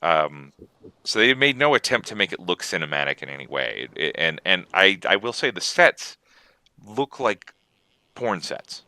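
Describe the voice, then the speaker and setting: A man co-hosting a casual gaming podcast, rambling and animated as he chats. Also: low-pitched, moderate pace, clear, resonant tone, dry recording. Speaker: podcast co-host.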